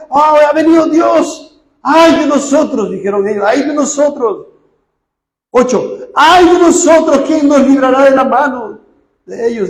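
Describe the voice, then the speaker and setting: A man preaching a sermon, retelling scripture and putting questions to the congregation before answering them, swinging from loud outbursts to low asides. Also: reverberant, rough recording.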